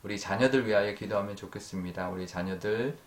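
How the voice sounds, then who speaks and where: A male pastor giving an earnest early-morning sermon. He fills his pauses with drawn-out sounds and lets sentence ends fade softly. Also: fairly low pitch, roomy sound. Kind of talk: dawn prayer sermon. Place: church sanctuary.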